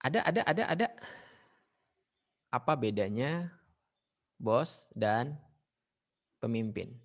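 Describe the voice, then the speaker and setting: A man's voice: medium pitch, slow pace. Indonesian guy teaching a leadership class online, upbeat, tosses in english words, keeps calling on students. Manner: lively, mixes English phrases, calls on students. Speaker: teacher leading a leadership training session.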